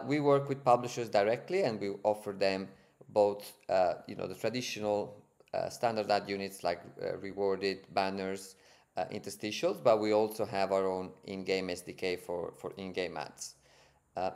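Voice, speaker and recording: Speaking from a home room over a video-call headset, an Italian ad tech co-founder in his thirties describes his business as a podcast guest. His voice sits low with a darkish tone, and though he's fluent, he repeats words and uses lots of fillers.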